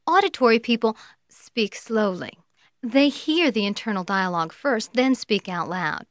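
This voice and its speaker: Woman teaching with a lively, bouncing voice. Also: fairly high pitch, moderate pace, no room sound. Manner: playful, acts out the voices she describes; laughs lightly between points. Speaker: sales trainer. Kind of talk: instructional talk.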